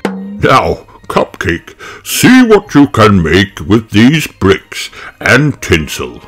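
Man doing a jolly, drawn-out old Santa Claus. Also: on the low side, huge pitch swings, a bit bright, soft background music, voice pushed up, exaggerated voice. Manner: hearty, deliberate, drawn-out delivery.

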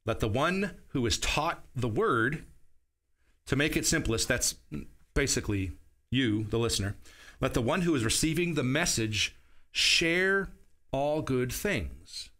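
Bright, forceful and expressive, this pastor's medium-pitched voice moves at an unhurried pace. In his forties, he sits at a table in a small studio with a wooden wall, camera at medium distance, earnestly teaching through his sermon verse by verse and checking now and then that his audience follows.

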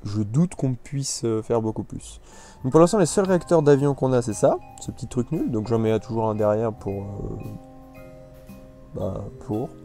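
A man's voice: medium pitch, expressive, moderate pace. A man giving casual, rambling commentary on a video game, full of hesitations and restarts. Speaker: gameplay commentator. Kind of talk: casual let's-play commentary. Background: soft background music.

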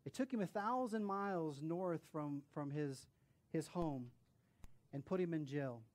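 A male pastor preaching and telling a story, animated, with hushed drops at solemn moments. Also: on the high side, measured pace. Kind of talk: sermon storytelling.

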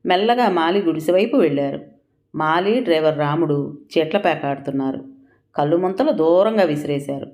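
Woman, storyteller, audio story narration, low deep voice, steady measured reading.

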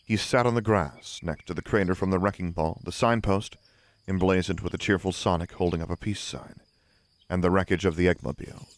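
A man narrating the scene directions of an audio drama in a plain, measured reading. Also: low-pitched, fairly even intonation. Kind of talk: scripted narration of stage directions.

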